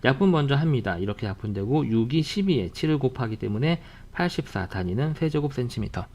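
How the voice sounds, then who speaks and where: A man teaching a math lesson in an online video lecture, walking through problems briskly and repeating reminders between friendly asides. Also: medium pitch, very animated, a little mellow.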